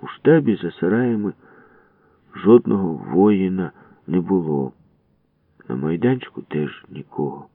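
Deep-voiced man reading a story. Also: unhurried, pauses often, no room sound. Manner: expressive storytelling. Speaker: reader. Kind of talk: scripted first-person story narration. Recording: distant tinny phone-like radio recording.

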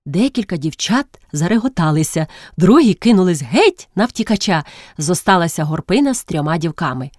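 A woman narrating a classic story in a measured, expressive reading. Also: lowish voice, dry recording, clean studio sound.

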